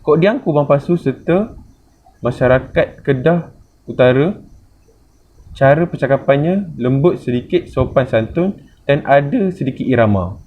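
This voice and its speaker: A man's voice: medium pitch, animated, unhurried. Malaysian malay guy reading out a presentation, formal, muffled audio, bit of noise. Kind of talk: scripted academic presentation.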